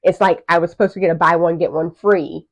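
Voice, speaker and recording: A woman in her thirties, co-hosting a podcast and telling a personal story in a candid, animated way. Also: fairly low pitch, quick pace, a little hiss or hum. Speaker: podcast co-host. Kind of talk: casual chat. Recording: muffled lo-fi audio.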